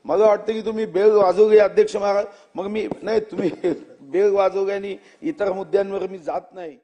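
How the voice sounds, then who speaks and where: A male legislator speaking in a measured way to the chair in an assembly. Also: high-pitched, steady tone, warm tone. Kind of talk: assembly speech. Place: state legislative assembly chamber.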